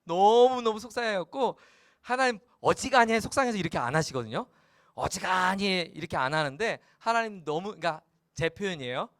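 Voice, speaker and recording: Playful, animated male pastor. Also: high voice, a little fast, dry recording, studio quality. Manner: playful, animated, slips into character voices. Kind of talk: sermon.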